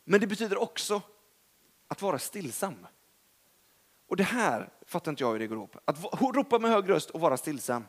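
A young man preaching a sermon in a chatty, storytelling way, self-deprecating and lively in emphasis, with a Swedish accent. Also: high-pitched.

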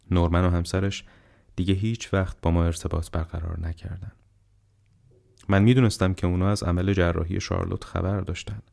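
A man narrating an audiobook in a measured, calm and unhurried way. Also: low voice, vocal fry.

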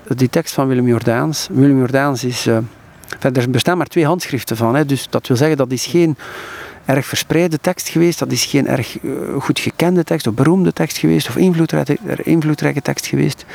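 Flemish male scholar, 30s, husky and a bit raspy; earnest, long-winded interview answers. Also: mid-range voice, a little mellow. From Belgium. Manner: earnest, searching for words, explaining at length. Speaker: scholar of mysticism, interview guest. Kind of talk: conversational explanation in an interview.

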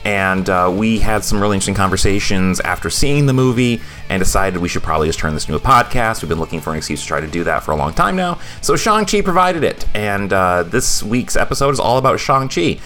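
Low, bright-toned man, a podcast host who rambles with fillers over faint music. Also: expressive, fast, few pauses. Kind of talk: casual podcast chat.

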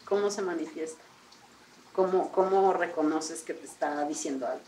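A woman hosting an interview, asking questions and offering calm, reflective remarks. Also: low-pitched, normal speed. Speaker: host. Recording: echoey room, distant mic, faint background noise.

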